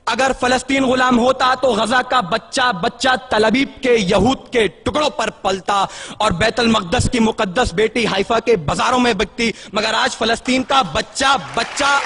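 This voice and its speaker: A young man giving an impassioned, declamatory debate speech, reciting verse and shouting his climaxes to an audience in an auditorium. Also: extremely high pitch, noisy background.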